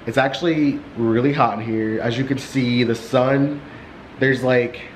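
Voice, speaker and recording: A young man vlogging casually from his warm apartment, rambling with many fillers in a monotone voice and a little short of breath. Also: mid-range voice, measured pace, slight background noise, rough recording. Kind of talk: casual vlog chat. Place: warm sunlit apartment living room. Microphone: camera resting on a couch.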